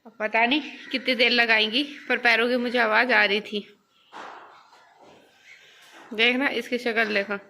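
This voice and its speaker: A woman's voice: fairly high pitch, little pitch movement, a little slow, long pauses, bright, forceful tone, slight background noise. A woman vlogger, insistently accusing her family of taking her money and laughing often. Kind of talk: prank vlog argument.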